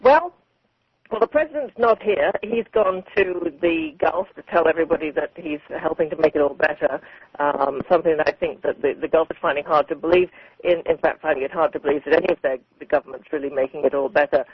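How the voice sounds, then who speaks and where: A woman's voice: low-pitched, a little fast, slightly rough, no echo. A woman correspondent reporting live on radio over a landline home phone, thinking aloud with many ums and restarts. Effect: heard over a landline home phone. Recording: crackly narrow landline phone audio.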